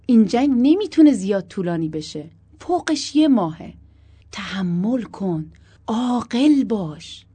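Woman reading as a tense male air force pilot, urgent and insistent, mellow dry delivery. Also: medium pitch, sing-song, breathy edge, no echo, voice pushed up.

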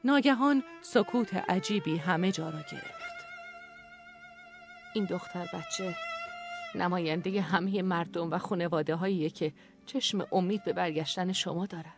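A narrator reading a war story in a calm, measured way. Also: medium pitch. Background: faint violin music.

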